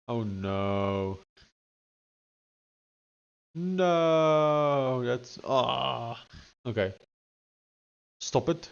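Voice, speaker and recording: A man's voice: fairly low pitch, muffled recording. A man with a thick Afrikaans South African accent, chatting casually on a coding live stream and dictating instructions.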